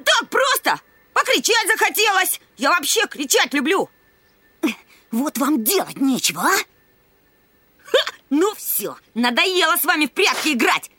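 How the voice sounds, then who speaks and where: A woman voicing a boastful, cowardly young boy in a cartoon, shouting bravado to cover his fear. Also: sits high, very animated, a little slow, no echo, full character voice. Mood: blustering.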